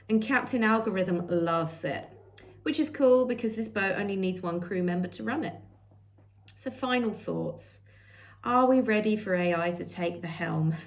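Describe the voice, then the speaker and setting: Sarcastic middle-aged woman reading her article. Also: mid-range voice. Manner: sarcastic, sassy. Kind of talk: reading an article aloud with asides.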